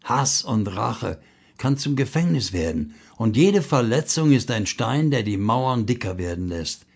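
An earnest man reads a devotional blog text aloud at a measured pace. His voice sits at an ordinary middle pitch, and he slows down to lean on the key phrases. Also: sing-song, creaky, husky. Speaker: reader of a blog article. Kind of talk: devotional reading.

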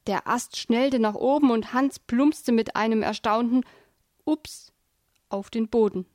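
Woman reading a kids audiobook, expressive, kinda high voice, dry close mic. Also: normal speed, dry recording. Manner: lively, expressive storytelling. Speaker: narrator.

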